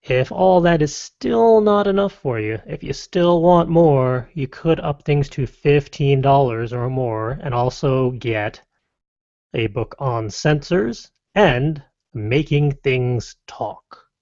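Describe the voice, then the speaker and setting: A man hosting a casual podcast, reading lists briskly and adding wry, playful asides. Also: medium pitch, lively intonation, a little mellow. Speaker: podcast host. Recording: dull lo-fi dry podcast audio.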